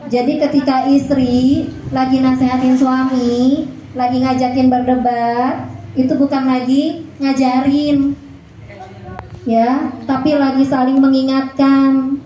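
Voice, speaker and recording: A woman's voice: high-pitched, dark tone, roomy sound, slight background noise, rough recording. A woman religious teacher giving a chatty informal lecture to mothers, often checking in with her listeners. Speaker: Islamic teacher.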